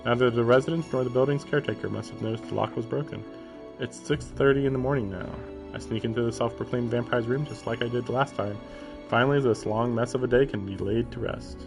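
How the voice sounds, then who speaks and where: Over background music, a man streams live as he reads a story, his medium-pitched, creaky voice moving fast with fairly even intonation. He breaks up the narration with casual remarks that wonder aloud about what's going on.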